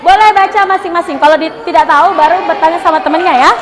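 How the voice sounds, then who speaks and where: A young woman from Indonesia tutoring children at a library read-aloud, switching between Indonesian and English and reading the story slowly and clearly. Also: very high-pitched, fairly even intonation. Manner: mixes English and Indonesian, slow deliberate reading. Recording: chatter of children around the speaker. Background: noisy group of children.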